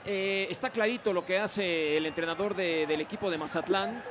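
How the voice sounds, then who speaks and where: A man co-commentating on a football match in a conversational, halting way. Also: fairly high pitch. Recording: clear stadium noise behind commentary.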